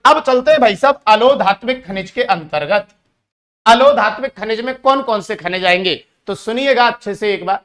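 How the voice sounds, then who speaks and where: A man's voice: high voice, lively intonation, normal speed, a bit bright. A man teaching an exam-prep lesson who calls his students brothers and asks and answers his own questions.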